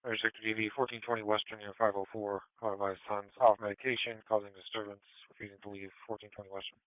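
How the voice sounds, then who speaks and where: A man's voice: fairly low pitch, flat delivery, quick pace, dry recording. A man working as an emergency dispatcher, giving terse calls over a two-way radio. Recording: narrowband scanner radio.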